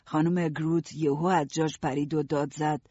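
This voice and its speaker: A man narrating an audiobook in a steady first-person storytelling voice. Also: a little high, husky, no echo, lo-fi sound.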